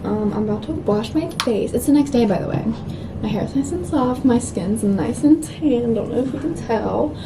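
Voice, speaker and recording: This young vlogger, in her twenties, has a somewhat high, animated voice and speaks at normal speed while prepping in front of her bathroom mirror. She's chatty and giggly but keeps her voice down, recorded by a camera on a tripod. Pop music over her voice fills the noisy background.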